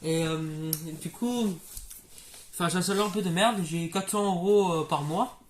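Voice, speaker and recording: A young man voicing a baker with Tourette's in an amateur comedy sketch, breaking off into sudden shouted tics and laughs. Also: sits high, normal speed, a little hiss or hum, lightly acted. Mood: blurting.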